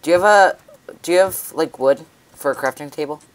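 A man's voice: a little high, a little fast. A man in a casual game commentary who plays alongside the host and blurts out his finds. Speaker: co-player.

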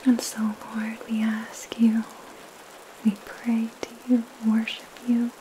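A young woman whispers in a soothing, breathy ASMR style. Her delivery is slow and very level, gentle and calming, with pauses between phrases. Light rain patters behind her close voice. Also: a little high, a little hiss or hum, poor audio. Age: young adult. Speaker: ASMR host reading scripture and praying. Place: small indoor room at home. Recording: steady rain sound behind the voice.

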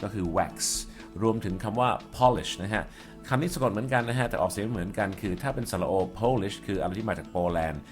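Guy with a lowish voice walking thru english vocab, patient, faint music behind. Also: fast. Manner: clear, patient explanations with polite particles. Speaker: English teacher. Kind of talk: explaining vocabulary.

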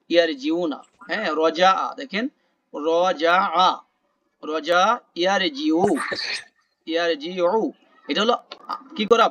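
Male teacher on a video call, high pitch, patient and repetitive, muffled dry audio. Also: a bit bright, no echo. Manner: explains slowly, repeating words and asking the class questions. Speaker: Quran vocabulary teacher. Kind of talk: online class teaching word meanings.

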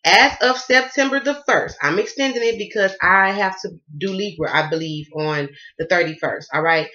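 Southern woman, tarot vlogger, bright forceful tone, emphatic and chatty, dull lo-fi home recording. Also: medium pitch, normal speed. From Southern United States. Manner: emphatic, repetitive, addresses viewers as y'all. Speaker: tarot card reader. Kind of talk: casual tarot reading vlog.

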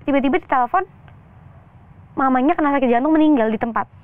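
A young woman talks openly as an interview guest, slipping into quick quoted voices as she tells her story. Her voice sits a little high. The sound is dry and narrow, like a phone line. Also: no room sound. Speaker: actress guest. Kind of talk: candid interview talk.

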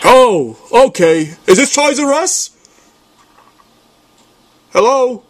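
A man's voice: extremely high pitch, sing-song, slow pace, exaggerated voice. Confused old man, muddled and hesitant put on by a man. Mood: befuddled. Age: older. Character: confused, hard-of-hearing old man, rambling and polite. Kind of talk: prank phone call. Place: small room at home, indoors.

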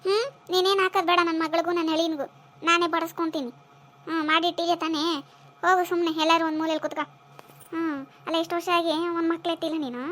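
A scornful cartoon mother-in-law, voiced by a woman, very high and squeaky. She scolds fast and bossily. It is a cartoon family drama. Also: flat delivery, a bit bright. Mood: scornful scolding. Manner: scolding, bossy.

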